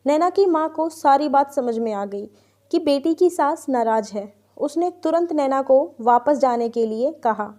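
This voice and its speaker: A woman's voice: high-pitched, lively intonation, a little slow, dark tone. A woman narrating a family moral story, reading every character in her own voice.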